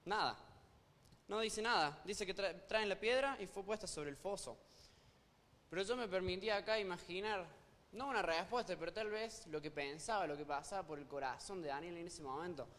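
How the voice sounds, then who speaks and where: A man's voice: high voice, normal speed, a bit bright. A man with an Argentine accent preaching a sermon, reading scripture aloud with dramatic emphasis. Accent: Argentine Spanish. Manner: dramatic reading of scripture, acting out pleading voices. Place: church hall. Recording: church hall reverb.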